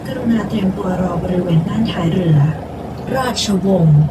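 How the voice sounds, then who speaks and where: A woman's recorded pier announcement played over a boat loudspeaker, in a measured, formal announcing voice. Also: medium pitch. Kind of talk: formal bilingual public announcement. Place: on a river shuttle boat. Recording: distant loudspeaker over loud engine noise.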